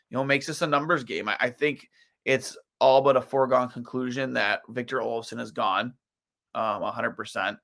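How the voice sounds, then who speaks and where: A man's voice: medium pitch, vocal fry, bright, forceful tone. A tired man hosting a solo sports podcast, rambling through his thoughts with lots of fillers and restarts. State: tired, yawning.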